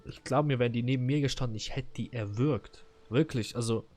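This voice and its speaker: A man talks over a co-op video game session, his voice mid-pitched and ordinary. He rants with mounting heat and swears freely as he retells a frustrating episode. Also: fairly quick, darkish tone, soft background music. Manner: heated, swearing rant. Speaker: gamer retelling a story. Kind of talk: casual gaming chat.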